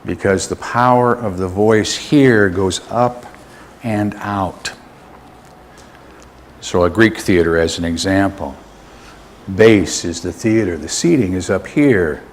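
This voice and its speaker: A man preaching a sermon as a minister in a church sanctuary, animated and leading the congregation in call and response. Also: deep voice, takes it slowly, pauses often, a little hiss or hum.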